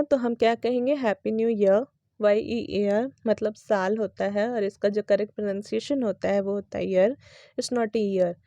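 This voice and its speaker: Lady teacher, spells words out letter by letter, kinda high mellow voice, dry close sound. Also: no echo. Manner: explains patiently, spells words letter by letter, often asks "right?". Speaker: English pronunciation teacher. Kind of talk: casual classroom explanation.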